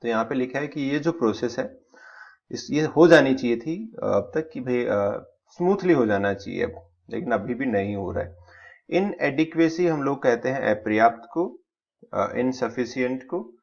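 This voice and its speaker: A man's voice: mid-range voice, animated, normal speed, creaky. Man explaining vocabulary lists. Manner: explains step by step, lists synonyms. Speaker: vocabulary teacher. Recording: slightly dull lo-fi sound.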